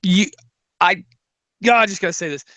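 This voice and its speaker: A man's voice: sits high, moderate pace, sharp tone, dry recording. A man co-hosting a casual podcast, blunt and crude, cutting in with jokes. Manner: crude, blunt, joking interruptions. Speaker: podcast co-host.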